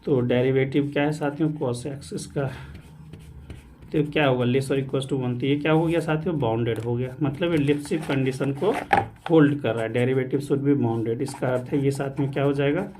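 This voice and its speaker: A man's voice: mid-range voice, steady tone, normal speed, noisy background. A man teaching real analysis in an online lecture, mixing English terms into his Hindi and asking the students rhetorical questions. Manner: repeatedly addresses students as "saathiyon", mixing English math terms; asks rhetorical questions then answers them. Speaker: maths teacher. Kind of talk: online exam-prep lecture.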